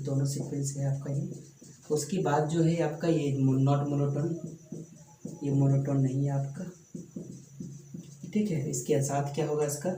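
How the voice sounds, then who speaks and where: A man's voice: mid-range voice, dark tone. A man teaching a maths exam-prep lesson, explaining step by step and asking the class rhetorical questions. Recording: echoey room, mic at a distance, faint room noise.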